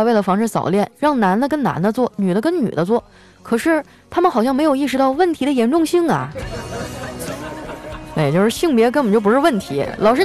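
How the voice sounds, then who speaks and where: A woman's voice: a little high, a little mellow. A woman host, chatty and teasing, reading funny listener stories and laughing along as she tells them. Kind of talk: comic storytelling.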